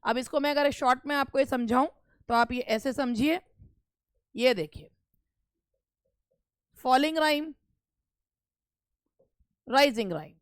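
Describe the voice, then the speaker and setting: Smooth-voiced woman teaching an exam class. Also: high voice, slow pace, pauses often, no room sound, studio quality. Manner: explains step by step, repeating terms with stretched demonstration stress. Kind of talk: online exam-prep lesson.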